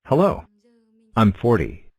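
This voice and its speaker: A woman's voice: extremely low pitch, wildly swooping pitch, slow, slightly rough, no echo, exaggerated voice. A woman voicing a sly spider-like number block who claims to be friendly, with a sneaky giggle.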